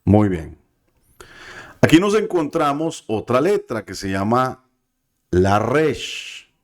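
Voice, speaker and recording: A man teaches a biblical Hebrew class patiently and carefully, often checking in with his students during the lesson. His voice is medium-pitched, sing-song and slow.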